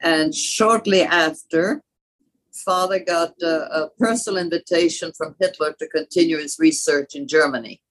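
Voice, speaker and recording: A woman in her eighties from France, recounting family history as a guest in a measured way with frequent hesitant pauses. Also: sits low, fairly bright tone, a little hiss or hum, low-quality recording. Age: 80s. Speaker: guest, grandmother.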